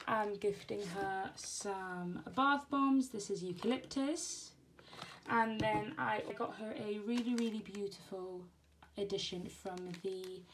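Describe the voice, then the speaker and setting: Casual crafting vlogger, woman, rambling and self-correcting, noisy room with handling clicks. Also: mid-range voice. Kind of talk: casual chat while packing a gift box. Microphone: camera on tripod. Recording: clear background noise and handling clicks.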